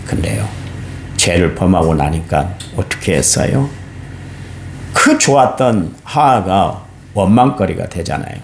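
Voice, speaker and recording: Male pastor, dawn sermon, gravelly low voice, lively swooping delivery, echoey church with faint hiss. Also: unhurried. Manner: emphatic preaching with sudden high exclamations; addresses congregation directly. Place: church sanctuary.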